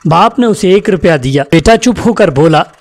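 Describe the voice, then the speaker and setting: A man's voice: high-pitched, animated, normal speed. A man from Pakistan, reading out jokes with a chuckling delivery. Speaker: joke teller.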